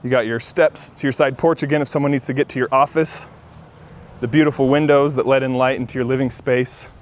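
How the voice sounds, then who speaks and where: A man's voice: medium pitch, fairly even intonation, a little fast. A man working as a real estate agent gives a casual walk-through home tour in an upbeat, enthusiastic manner.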